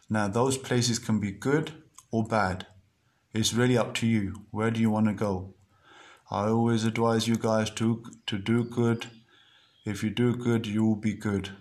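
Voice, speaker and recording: A man with a somewhat low voice hosts his own podcast and talks straight to his listeners. He speaks earnestly and repeats himself, and his sentences are full of ums and restarts as he urges them on. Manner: earnest, repetitive, many fillers and restarts. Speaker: podcast host. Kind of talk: motivational monologue.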